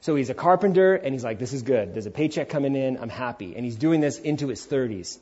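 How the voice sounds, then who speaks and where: A fast, husky man in his forties, with a mid-range, darkish voice and lively intonation, preaches over dull audio. He's emphatic and informal, weaving in rhetorical questions, acted-out quotes and casual asides.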